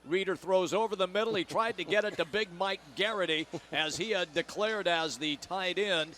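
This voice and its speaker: A man calling arena football play-by-play on radio, brisk and descriptive. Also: sits high, a bit bright, a little hiss or hum. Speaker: play-by-play announcer. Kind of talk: radio sports commentary.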